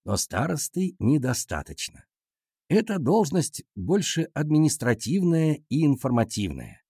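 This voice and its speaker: A man voicing a stern but kind male schoolteacher in a lower, measured, lecturing tone with a husky voice. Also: huge pitch swings, mellow, dry recording, clean studio sound, full character voice. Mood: patient, lecturing.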